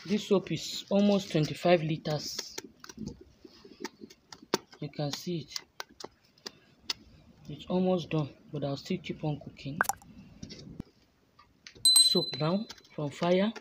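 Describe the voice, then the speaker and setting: Woman instructor, unhurried walkthrough, mid-pitched voice, noisy phone recording with clear hiss behind her. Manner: slow, chatty step-by-step explaining. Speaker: soap-making instructor. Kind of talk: casual hands-on demonstration. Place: indoor workspace.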